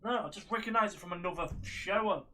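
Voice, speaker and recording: High, bright-voiced man reacting. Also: quick pace, a little hiss or hum. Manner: blunt, swearing. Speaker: reaction video host. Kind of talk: casual reaction commentary.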